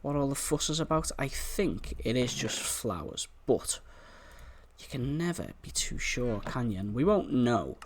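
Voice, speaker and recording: Guy doing a chill let's play, talks you through every move, slow and animated. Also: mid-range voice, background noise. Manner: chatty, explains each move while playing. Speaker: gaming YouTuber. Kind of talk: casual let's-play commentary.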